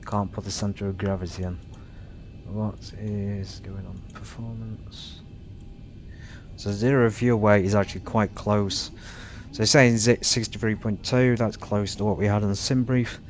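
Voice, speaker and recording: A man narrating his flight simulator session casually and haltingly, muttering to himself between pilot radio calls. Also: flat delivery. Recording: rumbly background noise.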